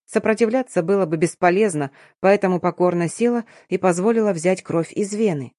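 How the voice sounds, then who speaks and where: A woman's voice: on the low side, fairly quick, dark tone, no echo. Woman reading an audiobook, dry and close. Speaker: audiobook narrator. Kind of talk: first-person audiobook narration.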